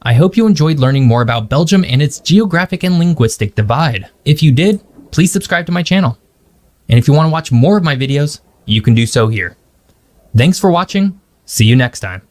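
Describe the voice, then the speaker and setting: A man narrating an explainer video in an even, measured scripted style, closing with a sign-off. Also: fairly high pitch. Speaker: documentary narrator.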